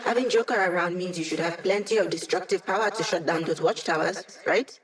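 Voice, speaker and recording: A woman's voice: on the low side, a little fast, natural voice. A woman voicing a playful young female hacker in a video game, with a casual, wry, teasing manner. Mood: focused, brisk.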